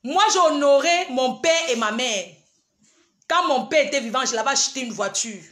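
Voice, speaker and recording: A woman's voice: high-pitched, lively intonation, normal speed, a bit bright, reverberant. A woman, ranting on a livestream and scolding her rivals directly. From Cameroon. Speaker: livestream host. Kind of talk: heated livestream rant.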